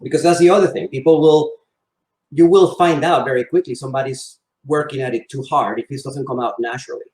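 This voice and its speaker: In a roomy, echoing space, a man speaks at medium pitch, a little fast, with a darkish tone. He's a real estate salesman from Venezuela and Spain whose first language is Spanish, giving conversational answers as an interview guest.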